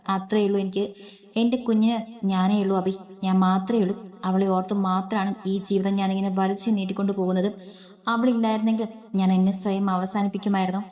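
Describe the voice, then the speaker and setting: A heartbroken young mother pleads through tears, her phrases halting and broken, as a woman narrator puts her on. The voice sits at an ordinary middle pitch. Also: dark tone, lightly acted.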